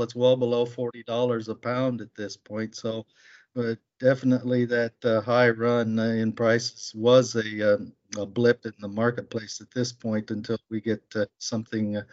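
A man giving casual mining market commentary over a remote laptop call, hesitant with many fillers, heard as a low quality stream with patchy audio. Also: no room sound. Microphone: laptop mic on a remote call. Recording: dull, lo-fi, dry stream audio.

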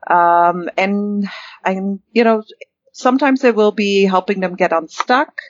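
A woman's voice: mid-range voice, unhurried, no echo, muffled recording. A woman in her fifties from the Netherlands, a guest in a casual interview, talking in a rambling way with many ums and restarts. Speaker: guest, networking chapter director.

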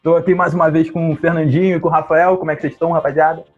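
Male podcast host, slangy and effusive, raspy, muffled audio with music underneath. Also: fairly high pitch, level tone, rapid-fire. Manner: slangy, effusive, repeats phrases for emphasis. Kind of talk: hyped casual podcast intro and chat.

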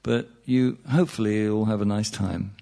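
This man speaks at normal speed in a fairly low, gravelly, warm voice with a steady tone. He's a meditation teacher giving a joking, conversational spiritual talk to a group, checking in often with "yeah?" and "you know."

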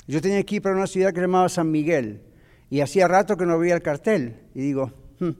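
A man's voice: on the high side, fast, clear, resonant tone. A man teaching a Bible class in a conversational way, telling stories and asking his listeners questions. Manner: animated storyteller, asks the audience questions. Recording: long reverb of a hall.

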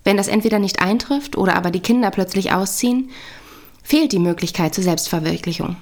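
A woman who is a couples therapist, hosting her podcast in calm, reflective scripted narration with gentle humor. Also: medium pitch, a little fast.

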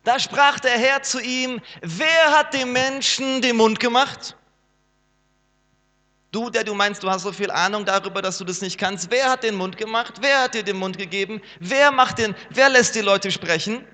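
Man, pastor, sermon, high bright voice, lively preaching, long hall reverb, mains hum. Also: normal speed.

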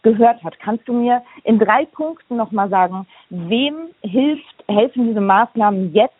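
A woman host talks over a low-quality phone line that sounds thin and phone-like. Her voice is slightly husky, and she asks and wraps up in a chatty way, with fillers. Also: expressive. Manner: chatty, rapid asking with fillers. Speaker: podcast host. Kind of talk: remote podcast interview.

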